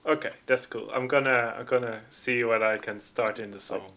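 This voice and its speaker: A man's voice: medium pitch, fairly even intonation, moderate pace, bright, forceful tone. A man hosting a live music stream, chatting loosely and reading out viewer comments. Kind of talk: casual livestream chat.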